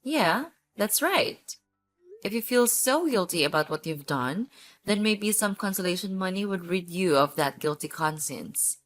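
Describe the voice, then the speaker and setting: A woman's voice: mid-range voice, animated, measured pace, faint music behind, lightly acted. A woman acting a cool, sarcastic betrayed ex-wife in a scripted story, speaking in a cold, curt, dry manner. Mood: dry sarcasm.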